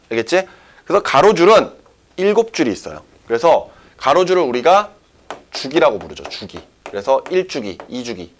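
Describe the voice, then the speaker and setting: A man's voice: mid-range voice, a little hiss or hum. A man teaching a science class, explaining step by step and often checking whether the students follow. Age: young adult. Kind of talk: classroom lecture.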